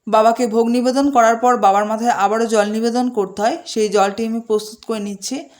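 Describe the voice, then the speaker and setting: A woman calmly guiding a home worship ritual step by step, slowing to chant short Sanskrit-style mantras between her instructions. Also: on the high side. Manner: calm, measured, slows down to chant mantras. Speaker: puja instructor.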